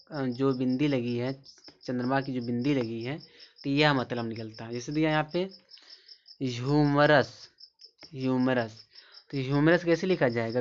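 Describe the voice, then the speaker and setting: Repetitive male pronunciation teacher, lo-fi. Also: medium pitch. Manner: repetitive, drills each word several times and asks rhetorical questions. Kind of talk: classroom-style lesson explaining spelling and pronunciation. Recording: slightly dull lo-fi sound with faint background noise.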